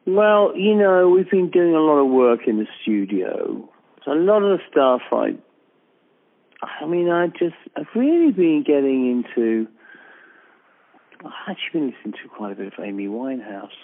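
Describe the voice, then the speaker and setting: A man's voice: fairly high pitch, big pitch swings, normal speed. A man, a singer, chatting casually on a call, rambling with many restarts. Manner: rambling, restarts, breaks into soft song. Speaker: singer, guest. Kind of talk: casual chat. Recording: tinny phone-line sound.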